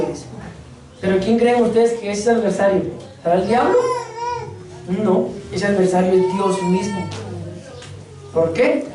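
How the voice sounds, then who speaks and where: Woman preacher, fairly high voice, questions and jokes with the flock, recorded from afar in a booming church hall. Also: warm tone. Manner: asks the congregation questions, jokes between points. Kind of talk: church sermon. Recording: very echoey church hall, mic far off.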